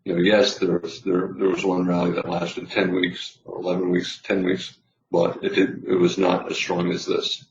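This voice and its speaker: A man's voice: low-pitched, completely flat delivery, normal speed, slight background noise. A man teaching trading in a casual, rambling way, full of fillers and restarts, while losing his voice. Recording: roomy, slightly dull sound.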